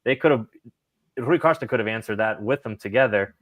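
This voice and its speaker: A man's voice: lowish voice, fairly quick, no echo. A man co-hosting a casual football podcast, thinking aloud and often restarting his words. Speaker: podcast co-host.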